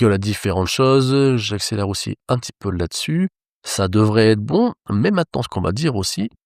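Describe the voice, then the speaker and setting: Male trainer, low voice, dry close sound, talks viewers through each step. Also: dry recording. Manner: explains step by step, addressing viewers directly. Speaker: web development trainer. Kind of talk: screen-recorded coding tutorial.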